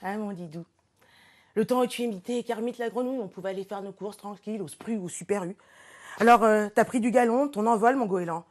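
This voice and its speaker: She's a regular portrait presenter on the show, giving a guest a comic, scripted tribute. Her medium-pitched voice is fairly quick, and she plays it up theatrically, teasing herself along the way.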